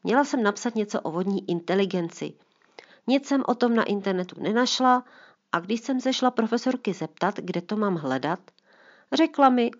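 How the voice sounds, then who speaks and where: A woman's voice: medium pitch, dull audio, lightly acted. A woman voicing a whiny, sassy fourteen-year-old girl in a storybook reading. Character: sulky teenage girl, fourteen, cheeky.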